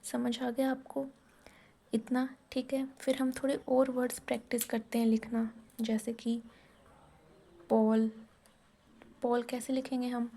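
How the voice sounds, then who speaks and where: A woman's voice: a little high, gravelly, mellow. A woman teaching shorthand in a casual step-by-step lesson, asking and answering her own questions as she writes.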